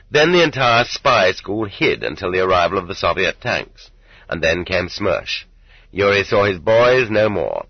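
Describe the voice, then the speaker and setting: A man reads a book aloud in a low, husky voice, measured and earnest. The sound is dry and close, with a dull, muffled lo-fi edge. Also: dry recording. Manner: measured, earnest reading with quoted voices lifted higher. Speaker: audiobook narrator. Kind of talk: scripted narration.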